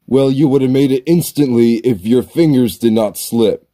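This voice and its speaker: A man's voice: medium pitch, normal speed, dark tone, natural voice. A man voicing a smug, teasing male monster with fire breath, dry and mocking in a comic gaming sketch.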